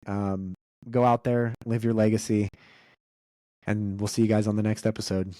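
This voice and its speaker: Low-ish mellow guy rambling on a dad podcast, dry close mic. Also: level tone, moderate pace, dry recording. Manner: rambling, with many restarts and fillers. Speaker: podcast co-host. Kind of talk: casual podcast chat.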